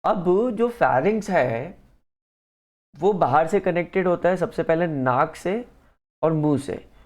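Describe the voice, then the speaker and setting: A man's voice: fairly high pitch, expressive, takes it slowly. A man teaching science one-on-one, explaining patiently and mixing in English phrases. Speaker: science tutor. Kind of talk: one-on-one lesson.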